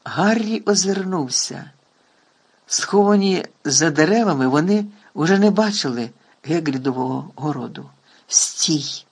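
A man narrating an audiobook in a lively, expressive reading. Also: fairly high pitch, moderate pace, husky. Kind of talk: storybook reading.

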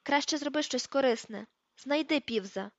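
A woman's voice: high voice, normal speed, dry recording, lo-fi sound, voice pushed up. Stern professor, as a woman reads her. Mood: commanding. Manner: crisp, commanding, sharp. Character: stern commanding older female professor.

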